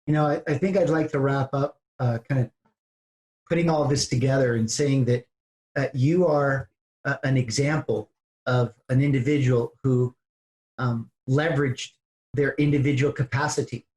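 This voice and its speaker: A man's voice: medium pitch, steady tone, normal speed, darkish tone. A man hosting a podcast interview, wrapping up with earnest, effusive praise for his guest. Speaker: podcast host. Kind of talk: casual interview wrap-up. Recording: echoey room.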